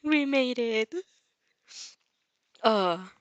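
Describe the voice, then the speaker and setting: A woman with a higher-pitched, animated voice stretches out her words as she expressively reads fan fiction aloud, breaking off for casual asides to her listeners. She's a reader who reacts to fanfic, and the lo-fi recording is dry, with no echo.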